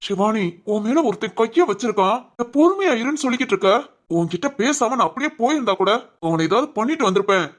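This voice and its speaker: A woman's voice: fairly high pitch, expressive. A woman voicing a hot-tempered young man who protects his fiancée and speaks in an angry, commanding way, in an amateur family drama. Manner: angry, commanding, quick to threaten.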